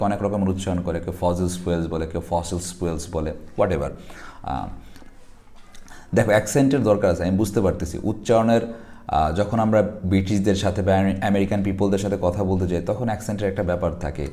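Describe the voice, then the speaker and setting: A man's voice: sits low, a little fast, warm tone. A man teaching an exam passage in a chatty way, often stopping to check that students follow. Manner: conversational, frequent check-ins and fillers. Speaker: English teacher. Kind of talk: exam lesson explaining a passage.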